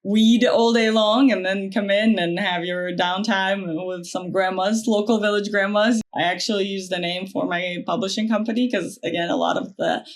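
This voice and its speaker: A woman from Ukraine, chatting as a guest in an interview, animated and full of fillers. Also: mid-range voice, normal speed, hardly any pauses. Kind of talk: casual interview talk.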